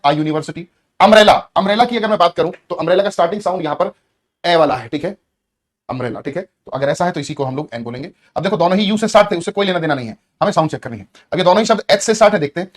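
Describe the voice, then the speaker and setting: Male teacher, classroom lesson; fairly high voice, rapid delivery, keeps quizzing the class. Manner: explains patiently, often asks the class questions. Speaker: English teacher.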